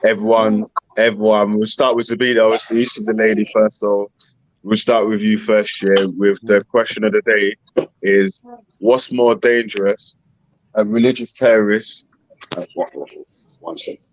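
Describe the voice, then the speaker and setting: A man's voice: on the low side, little pitch movement, moderate pace, muffled recording, a little hiss or hum. A man with a London roadman accent hosting a casual panel, talking in street slang and tagging his points with little questions. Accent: London street slang (roadman) English. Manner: slangy, frequent tag questions. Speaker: host moderating a panel. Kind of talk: casual live panel chat.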